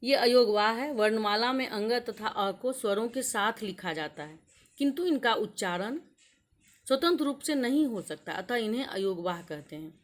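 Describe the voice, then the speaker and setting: A woman's voice: on the high side, expressive. Woman teacher sounding out letters. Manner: slow, deliberate, sounding out letters one by one. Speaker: school teacher. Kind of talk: classroom grammar lesson.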